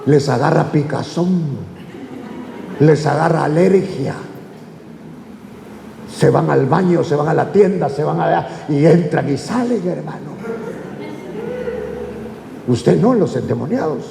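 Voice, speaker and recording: A man's voice: fairly high pitch, animated, slow, creaky, pauses often, mellow, slight background noise. A man preaching a folksy, conversational sermon, talking to the congregation as brother. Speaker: pastor. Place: church. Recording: echoey church hall, faint ambience.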